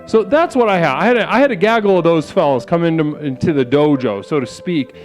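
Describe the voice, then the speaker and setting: Over soft background music, a man with a slightly high, animated voice talks briskly while hosting a live stream as a self-styled spiritual leader. His comedic monologue rambles in a mock-solemn way, packed with stammers and crude asides.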